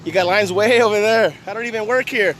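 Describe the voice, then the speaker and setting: Brief: high, bright-voiced Texan man, blunt combative vlogger, out of breath, faint outdoor traffic noise. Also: fairly quick. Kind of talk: walking vlog. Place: outdoors at a park beside a long line of cars.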